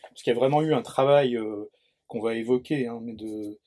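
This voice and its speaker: A man's voice: medium pitch, moderate pace, warm tone. A man hosting a discussion at a bookshop, introducing a book and asking the author questions, hesitant, with many fillers. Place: bookshop event.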